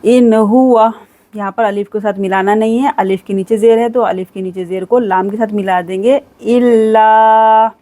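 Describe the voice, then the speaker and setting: A woman teaching Quran recitation rules, reciting each phrase slowly and drawn out, then explaining each rule in quick, patient instructions. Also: medium pitch, a little mellow. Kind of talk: tajweed lesson, recitation with explanation.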